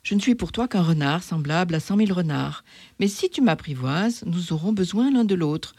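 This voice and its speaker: A reader voicing a wise, weary fox who longs for a friend, gravelly and musing, sometimes whispering, reading aloud in two voices. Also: mid-range voice, expressive, a little mellow, no echo. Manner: slow, musing, confiding, dropping to whispers.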